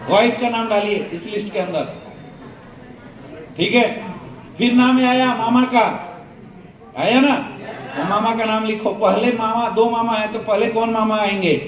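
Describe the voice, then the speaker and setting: A man leading a seminar training talk, firing call-and-response questions at the audience in a joking way. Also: high-pitched. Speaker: network marketing trainer. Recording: roomy echo, voice from a distance, faint hum.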